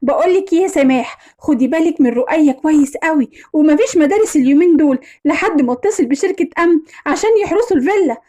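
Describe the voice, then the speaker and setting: A woman voicing a calm, caring husband in a storybook tale, gentle and reassuring with an Egyptian Arabic accent. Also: high-pitched, racing. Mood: soothing.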